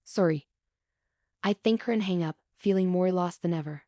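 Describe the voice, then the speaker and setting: A woman reading a first-person relationship drama as scripted narration, in an even, measured way. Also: lowish voice, no room sound, clean studio sound.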